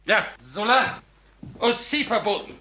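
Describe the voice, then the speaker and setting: An actor playing a rigid, shouting German officer with a German accent in a film farce. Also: male voice, sits high, very animated, slow pace, full character voice. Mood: barking, fanatical. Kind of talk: broad film farce acting. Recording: noisy, echoing film soundtrack.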